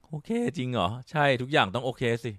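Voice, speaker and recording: A man's voice: mid-range voice, quick pace, no room sound, studio quality. A man playing a horror game, narrating his moves and exclaiming in fright as he goes. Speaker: gaming YouTuber. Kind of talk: horror game let's play commentary. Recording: game music loud behind the voice.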